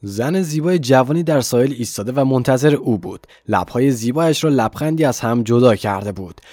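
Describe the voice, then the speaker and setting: A man narrating a story as a reader, with steady, measured delivery. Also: medium pitch, no room sound, clean studio sound. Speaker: audiobook narrator. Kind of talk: scripted narration.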